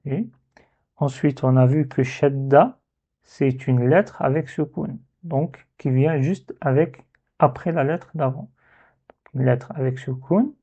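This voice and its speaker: Slow, patient male teacher, tinny sound. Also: medium pitch, mellow, breathy edge. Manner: patient, slow, repeats syllables to demonstrate. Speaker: Arabic reading teacher. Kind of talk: step-by-step lesson.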